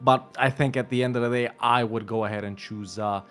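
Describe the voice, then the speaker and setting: A man's voice: medium pitch, steady tone, brisk, fairly bright tone. A man co-hosting a live show, easygoing and casual in his talk. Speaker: show host.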